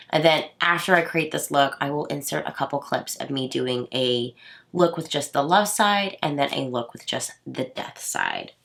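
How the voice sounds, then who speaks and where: A beauty vlogger from Houston, Texas, a woman in her thirties, does a makeup tutorial for her channel while chatting casually. Allergies have left her stuffy and nasal, and her low, fairly bright voice wanders through rambling asides full of fillers.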